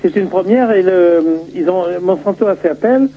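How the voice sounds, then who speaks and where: A man in his sixties, a guest calling in to a radio show over a crackly phone line, speaking haltingly and often repeating words as he restarts his phrases. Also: sits high. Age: 60s. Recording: noisy lo-fi telephone line.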